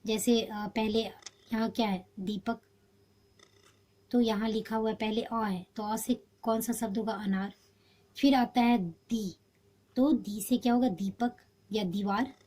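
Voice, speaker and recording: A woman's voice: fairly high pitch, fairly even intonation, takes it slowly, dark tone. A woman teacher, patiently explaining a homework exercise step by step. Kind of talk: homework walkthrough lesson.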